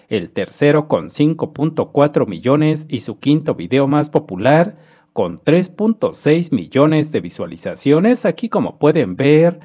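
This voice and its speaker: Mexican guy hosting a screen recording, pretty high voice, bouncy delivery, calls everyone dear friends. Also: a little mellow. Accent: Mexican Spanish. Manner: friendly, explanatory, addresses viewers as dear friends. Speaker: host.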